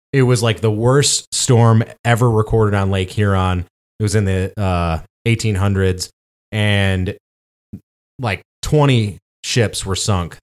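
A man, co-hosting a podcast and telling a travel story in casual chat, with lots of fillers. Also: lowish voice. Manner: rambling storytelling with many fillers. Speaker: podcast co-host.

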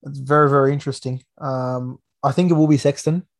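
A man's voice: medium pitch, fairly even intonation, a little fast. An Australian man hosting a casual sports review podcast, talking like a laid-back, matey everyday bloke. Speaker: podcast host.

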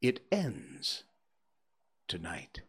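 A man's voice: fairly low pitch, wildly swooping pitch, drawn-out words, husky, pitched above the performer's own voice, full character voice. Man voicing a solemn, whispering old spirit. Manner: hushed, half-whispered, sorrowful. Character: sorrowful aging male spirit, grave and solemn.

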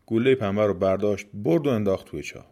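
A man narrating a folk tale as a storyteller, with gentle drama. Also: on the low side.

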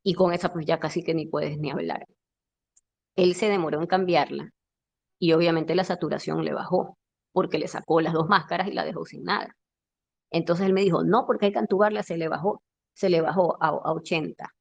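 A woman's voice: sits low, fairly even intonation, moderate pace, creaky, muffled recording. A woman caller intensely telling a personal story and retelling dialogue. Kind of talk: emotional personal account.

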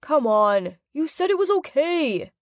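A woman's voice: high-pitched, sing-song, a little slow, no room sound, pitched above the performer's own voice. Woman doing a pushy teen boyfriend, coaxing, pleading, dry close sound. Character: pushy teenage boyfriend with a car.

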